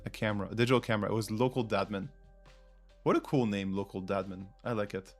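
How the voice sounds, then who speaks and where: A man with a French accent, originally from France and a first-language French speaker, talks fast in a low-leaning voice while hosting a casual quiz livestream. He thinks aloud and chats with viewers, with faint music in the background.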